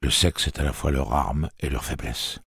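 A man voicing a stern, terse gunslinger who gives calm commands in an audiobook. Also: very deep voice, moderate pace, vocal fry, slightly rough, no room sound, clean studio sound, full character voice.

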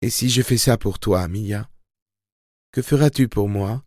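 A man's voice: on the low side, measured pace, a little mellow, no room sound, clean studio sound. A man voicing a wary young woman in labor pain, speaking guarded and bitter.

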